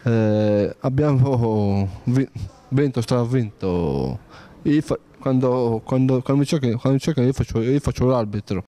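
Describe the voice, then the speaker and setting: A man chats casually in a mellow, mid-pitched voice. He speaks haltingly and often repeats a word or phrase before moving on. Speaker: cooperative member and amateur referee. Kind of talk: casual chat.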